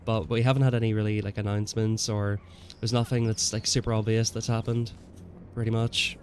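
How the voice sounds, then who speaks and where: A young gaming livestreamer chats in a laid-back way with viewers while playing, answering chat and saying "man" and "bro" a lot, stuffy from a cold. His voice is on the low side, level and a little mellow, and a little fast. A bit of hiss or hum is audible.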